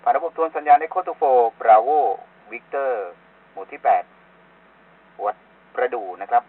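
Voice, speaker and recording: A man's voice: medium pitch, takes it slowly. Man over a distant walkie-talkie. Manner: courteous, formal radio protocol. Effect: heard over a two-way radio. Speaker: radio net control operator. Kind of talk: formal radio net control. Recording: tinny distant radio transmission.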